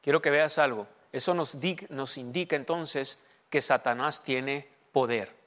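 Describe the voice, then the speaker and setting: Preacher with a long hall echo. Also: male voice, mid-range voice, unhurried, a bit bright. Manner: asks the congregation questions, switches between Spanish and English. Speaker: pastor. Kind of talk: sermon.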